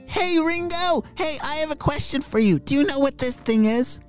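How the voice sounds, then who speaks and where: A man voicing an excitable young male frog in a children's storybook, breathless and eager, full of exclamations. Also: very high voice, normal speed, soft background music, pitched above the performer's own voice. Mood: excited.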